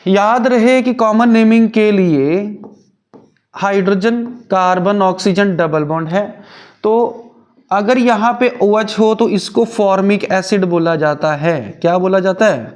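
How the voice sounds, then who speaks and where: A man's voice: sits high, unhurried. A male chemistry teacher, explaining step by step and asking and answering his own questions. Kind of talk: Hindi-English chemistry lecture.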